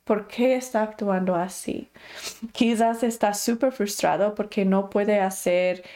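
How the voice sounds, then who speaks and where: A woman's voice: medium pitch, steady tone, measured pace, mellow. A woman instructor giving an online class, explaining patiently and acting out inner voices.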